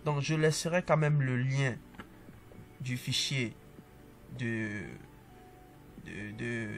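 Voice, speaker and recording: Relaxed man walking through code. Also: mid-range voice, slow pace, faint music behind. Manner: relaxed, talks through each step as he types; upbeat asides to the viewer. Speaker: coding tutorial instructor. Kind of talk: casual screen-share coding tutorial.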